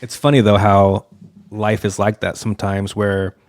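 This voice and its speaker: Male podcast host, lower voice, dry sound, easygoing interviewer. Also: normal speed, dry recording. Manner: relaxed questioner with short affirmations. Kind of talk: casual interview.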